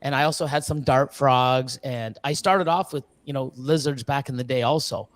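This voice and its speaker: A man's voice: mid-range voice, steady tone, normal speed, no echo. A man chatting casually as a guest about breeding reptiles, rambling with lots of fillers, restarts and the odd curse. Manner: swears casually. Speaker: guest, ball python breeder. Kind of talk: casual live-stream chat. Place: reptile facility in Ontario.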